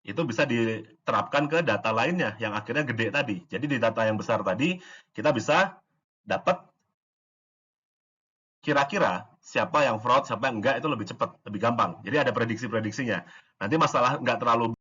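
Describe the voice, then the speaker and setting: A man with a slightly husky voice explains AI concepts in a relaxed, informal lesson. He talks loosely, with fillers and restarts, and now and then acts out short exchanges. The recording sounds somewhat dull and lo-fi. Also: medium pitch. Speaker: AI course instructor.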